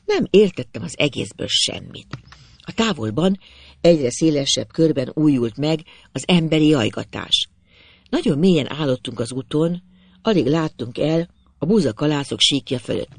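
A man narrating a literary story in the first person, with measured, expressive storytelling. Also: a little high, gravelly, husky, no echo.

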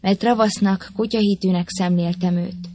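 A woman's voice: medium pitch, fairly even intonation, dark tone, close to an everyday voice. A woman reading the lines of a humble, courteous male foreign envoy in a historical tale, deferential and polite.

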